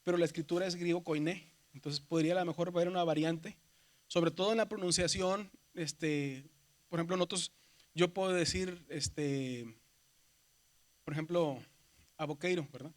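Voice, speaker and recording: A man from Mexico with a Mexican Spanish accent and a voice on the high side teaches a seminary class at normal speed. He explains step by step, keeps checking in with "¿verdad?", and addresses his students as "hermanos", or brothers.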